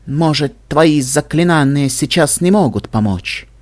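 A man voicing a wounded female zebra alchemist who speaks slowly and soothingly. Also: fairly high pitch, lively intonation. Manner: slow, soothing.

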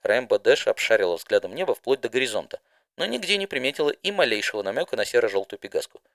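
Man narrating a story, highly expressive. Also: fast, creaky, dry recording, clean studio sound. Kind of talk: fan audiobook narration.

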